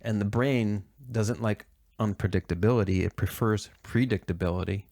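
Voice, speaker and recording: Man, body-worker co-host, gravelly, thinks aloud with restarts. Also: lowish voice, fairly even intonation, normal speed, warm tone, no echo, clean studio sound. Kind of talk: reflective podcast conversation.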